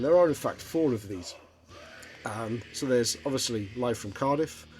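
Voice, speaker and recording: Middle-aged vlogger, mid-pitched and halting, lots of ums, faint guitar music underneath. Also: male voice. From Wales. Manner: rambling, hesitant, many ums and restarts. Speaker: vinyl collector vlogger. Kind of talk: casual show-and-tell vlog.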